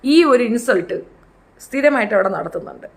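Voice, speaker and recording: Brief: middle-aged woman, high voice, opinionated casual commentator who mimics people. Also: lively intonation, moderate pace, vocal fry. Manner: chatty, opinionated, acts out quotes in high voices. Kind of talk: casual reality show commentary.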